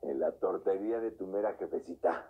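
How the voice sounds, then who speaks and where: A man's voice: low voice, a little fast, slightly rough, phone-quality sound. An actor with a Mexican accent playing an easygoing, chatty middle-aged man who manages street performers in a TV drama. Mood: casual, teasing. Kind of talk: naturalistic telenovela dialogue.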